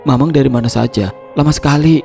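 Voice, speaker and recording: A desperate young son breaks into tearful, pleading cries, put on by a male storyteller. His voice rides noticeably higher than the narration around it, strained and sobbing. Soft music plays faintly underneath. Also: steady tone, brisk, close to an everyday voice. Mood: anxious. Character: young man grieving his dying mother, desperate.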